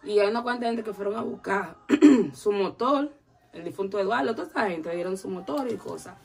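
A woman's voice: mid-range voice, a little fast, creaky, breathy edge. A woman telling a long story in a casual interview, acting out the voices of the people in it. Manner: animated, acts out quoted voices.

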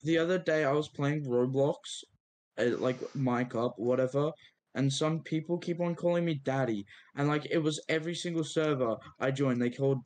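Young man joking loudly on game chat. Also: mid-range voice, moderate pace. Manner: loud, provocative joking. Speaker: stream guest. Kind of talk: casual gaming chat. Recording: voice chat with faint music.

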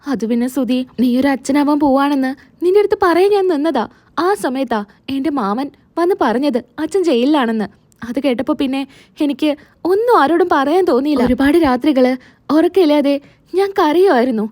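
A woman's voice: sits high, animated, normal speed, darkish tone, no echo. A woman voicing a young wife who pleads earnestly as she explains herself. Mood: pleading. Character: young wife defending her secret pregnancy.

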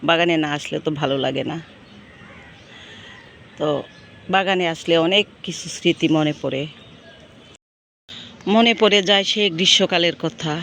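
A hoarse woman with a cold, hosting a gardening vlog and gently telling nostalgic childhood stories from her rooftop garden outdoors. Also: on the low side, a little hiss or hum. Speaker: gardening channel host. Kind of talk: casual reminiscing vlog.

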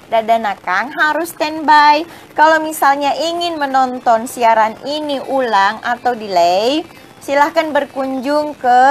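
A woman's voice: sits high, slight background noise. A woman hosting a casual live-stream chat, greeting viewers by name between frequent hesitant fillers. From Bajau community of Indonesia.

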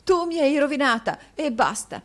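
A woman reading an audiobook and voicing a sobbing, distraught middle-aged milliner's wife with high, drawn-out pleas. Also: expressive, natural voice.

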